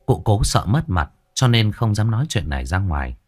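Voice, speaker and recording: A man narrating a ghost story in a dramatic, expressive way. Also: fairly low pitch, moderate pace.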